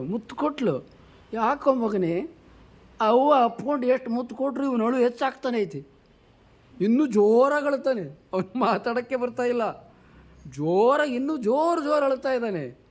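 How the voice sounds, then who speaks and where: A man giving a storytelling sermon, asking his listeners questions and dropping soft and low for tender moments. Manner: slowly chants a verse. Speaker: preacher.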